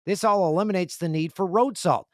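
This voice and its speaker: A podcast host chats casually into a microphone in an indoor room with a video setup, reading listener emails and spinning jokey, rambling stories with animation. His voice sits high and moves fairly quickly, and the recording is dry with clean studio sound.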